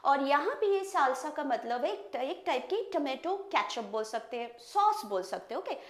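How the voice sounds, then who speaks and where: A woman from India with an Indian English accent, teaching vocabulary in a bilingual lesson and repeating words slowly to model their pronunciation. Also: sits high, very animated. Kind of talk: bilingual classroom lesson, explaining word meanings. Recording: echoey room.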